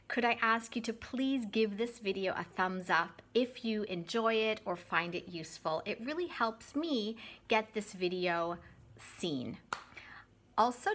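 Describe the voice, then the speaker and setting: Her medium-pitched, fairly bright voice comes with a little hiss or hum as this Canadian YouTuber and English teacher in her thirties talks casually to camera. She is chatty, speaks directly and warmly to her viewers, and self-corrects her word choices.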